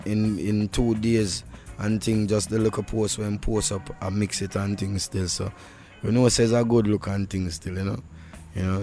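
Jamaican guy chatting rasta style in patois, interviewed, clear music playing behind him. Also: fairly low pitch, mellow. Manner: Rasta speech with patois and devotional phrases. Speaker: reggae artist being interviewed. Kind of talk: casual interview talk.

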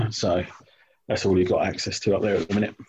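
A man's voice: low voice, brisk, darkish tone, a little hiss or hum. A man in casual chat about his hobby, hesitant, with many ums and restarts, on dull lo-fi call audio. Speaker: hobby wargamer guest.

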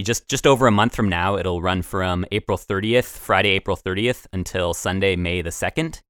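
A man's voice: lowish voice, a bit bright, dry recording, studio quality. A man co-hosting a community radio talk show, upbeat and a little rambling. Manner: upbeat, rambling, restarts phrases.

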